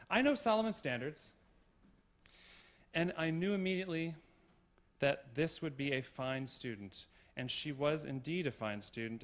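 A middle-aged man, a university provost, giving a formal tribute speech in a concert hall, measured with gentle humor. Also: on the high side.

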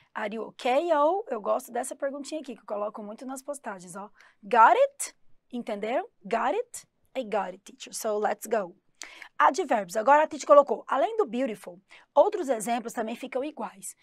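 A woman's voice: on the high side, no echo. Chatty woman English teacher, dry close mic. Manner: chatty, explains slowly, spells words letter by letter. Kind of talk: online exam-prep English lesson.

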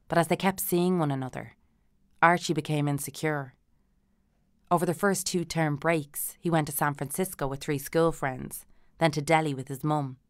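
A woman narrates a literary audiobook in a low, steady voice, measured and dry in her reading. The sound is close and dead, with no room around her. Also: no echo.

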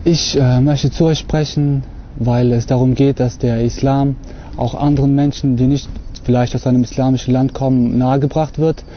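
Outdoors on a lawn, a young adult man from Russia offers a hesitant, earnest testimony, peppered with fillers. His mid-range voice moves little in pitch and keeps a normal speed. The camera mic, held close, produces slightly dull lo-fi sound with a little hiss or hum.

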